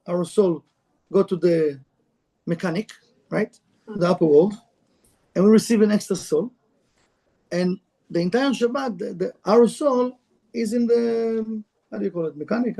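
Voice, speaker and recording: A Kabbalah teacher with a high, creaky, warm voice gives an informal spiritual lecture to a live group. He speaks conversationally in broken English and asks the room questions.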